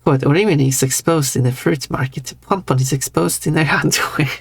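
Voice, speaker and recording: With a husky, medium-pitched voice and a Swedish accent, the streamer chats loosely on a live stream. Speech wanders and stalls, punctuated by lots of giggling.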